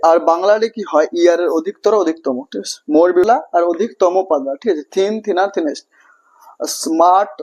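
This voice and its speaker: A man with a Bengali accent explains English grammar in a classroom style, asking questions and answering them himself. His voice sits high, and he keeps checking that his listeners follow along. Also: darkish tone. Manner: repetitive, checks understanding often, asks and answers own questions. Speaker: English teacher.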